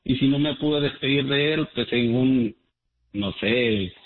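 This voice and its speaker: A man's voice: mid-range voice, measured pace. A man from Guatemala calling in to a radio show, speaking earnestly and gratefully with many hesitations. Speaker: caller. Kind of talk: call-in radio chat. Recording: echoey tinny phone line.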